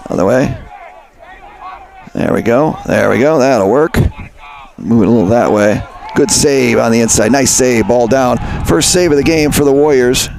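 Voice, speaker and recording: Male play-by-play announcer for high school lacrosse, mid-pitched, chatty and self-correcting, recorded outdoors with faint background noise. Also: normal speed, vocal fry, a little mellow. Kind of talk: live lacrosse commentary.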